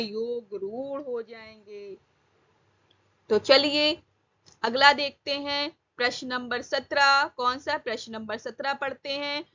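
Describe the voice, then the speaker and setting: Woman teacher, high bright voice, slow, repeats questions, slightly dull lo-fi sound. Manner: repeats questions to students, drawn-out words. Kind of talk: exam-prep lesson.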